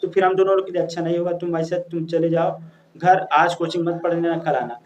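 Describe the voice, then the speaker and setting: A man voicing a stern young female schoolteacher, quoted plainly in his own voice and a little quieter than his narration. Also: a little high, fairly even intonation, fairly quick, lo-fi sound, natural voice. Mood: secretive.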